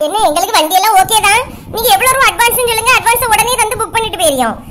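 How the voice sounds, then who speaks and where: Woman as a pushy village auntie, Kanyakumari accent, fast, high, bossy. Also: lively intonation, fairly bright tone. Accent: Kanyakumari Tamil. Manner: bossy, quick-tempered. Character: pushy middle-aged woman customer, scheming. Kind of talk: comic sketch acting.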